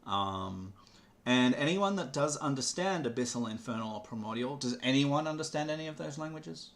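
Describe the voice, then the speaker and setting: A man running a tabletop game as game master, explaining rules hesitantly with many pauses. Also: mid-range voice, lively intonation. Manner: hesitant, with frequent ums and pauses.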